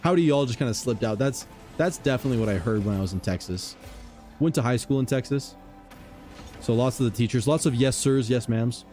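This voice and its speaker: Man, gaming streamer, mellow soft-edged voice, mid pitch, casual slangy storytelling, light music behind. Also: fairly quick. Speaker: gaming livestreamer. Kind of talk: casual stream chat, telling stories to viewers.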